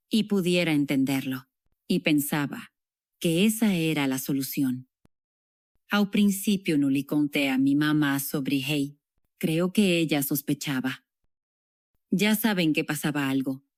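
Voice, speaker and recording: A woman telling her own story for a documentary in a reflective, measured way, as a dubbed voice-over. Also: sits low, a little mellow, no echo. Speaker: interviewee recounting her past.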